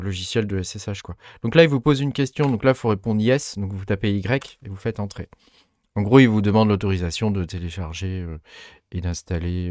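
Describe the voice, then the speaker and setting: Low-voiced man, hesitant tutorial talk. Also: darkish tone, no echo, clean studio sound. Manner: hesitant, many fillers and restarts; chatty, self-mocking asides. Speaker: tech tutorial host. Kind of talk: casual screen-recorded tutorial.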